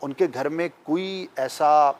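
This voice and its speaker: A man, a talk-show guest, patiently lecturing with emphatic examples. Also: a little high. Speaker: guest speaker. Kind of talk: explanatory talk-show discussion.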